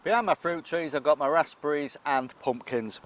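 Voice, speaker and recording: Strolling round his allotment for a casual garden vlog, a British man talks at a moderate pace in a voice on the high side. He's chatty and self-deprecating, with a British English accent, and keeps eating as he goes.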